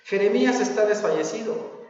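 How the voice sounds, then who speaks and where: A man with a Mexican Spanish accent preaching a sermon, animated, full of rhetorical questions and acted-out quotes. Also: high voice, fairly quick, very echoey, in a large hall, distant mic, dull audio. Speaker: pastor. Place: church hall.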